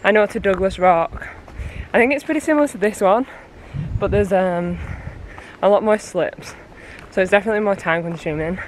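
A woman's voice: medium pitch, normal speed, a little hiss or hum. A woman vlogging on a mountain hike, chatting casually and trailing off with fillers. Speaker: hiking vlogger. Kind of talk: casual vlog chat. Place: outdoors on a mountain track and in a backcountry hut.

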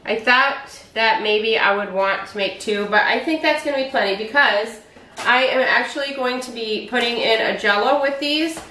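A woman's voice: a little high, moderate pace, pushed and bright, slight background noise. A woman in her forties chatting casually as she shows her meal prep step by step in her home kitchen. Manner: chatty, explains each step. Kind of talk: casual cooking demonstration. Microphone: far camera. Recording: echoey kitchen from a distance.

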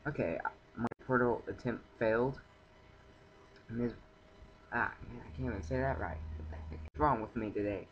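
A young man in his teens giving excitable, rambling commentary over a video game, talking to himself. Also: normal speed, pauses often. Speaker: gameplay video maker. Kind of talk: casual gameplay commentary. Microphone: cheap computer mic. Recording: muffled low-quality computer mic, faint background hum.

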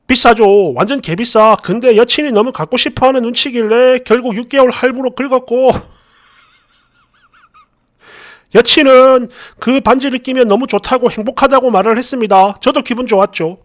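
A man's voice: very high-pitched, moderate pace. A man narrating a viewer's submitted story in the first person, in a casual, chatty retelling style with conversational fillers.

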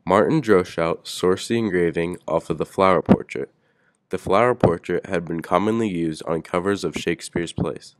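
A man's voice: deep voice, moderate pace. A man narrating a school project presentation, reading steadily from a script. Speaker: student presenter.

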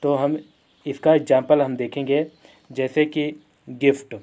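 A man teaching English pronunciation, explaining slowly and repeating each example word. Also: mid-range voice, little pitch movement, mellow. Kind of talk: classroom lesson.

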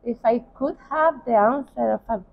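Walking along a large hotel hallway and walkway indoors, a middle-aged doctor speaks casually as an interview guest. English isn't her first language, so she hunts for words, talking at a moderate pace in a higher-than-average voice. The audio is dull and the surroundings clearly noisy.

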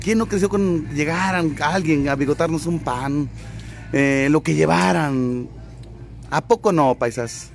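Jovial man, high voice. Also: measured pace, vocal fry. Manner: jovial, greets viewers by name, teasing banter. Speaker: vlogger and livestream host. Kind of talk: casual livestream chat.

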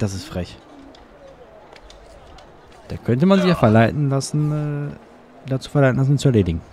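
A man's voice: mid-range voice, dark tone, slight background noise. Grumbling, sarcastic let's play guy. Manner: chatty, sarcastic, grumbling at the game. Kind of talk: casual gameplay commentary.

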